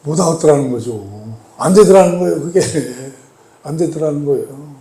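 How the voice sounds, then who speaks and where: A man's voice: a little high, normal speed. A male pastor preaching a sermon, putting rhetorical questions to the congregation and leaning hard on key points. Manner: emphatic, swells louder on key points. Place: church sanctuary. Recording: echoey church hall.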